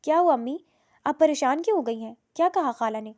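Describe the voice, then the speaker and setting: A woman voicing a lively, scheming young daughter with a chirpy way of speaking. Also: sits high. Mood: cheerful.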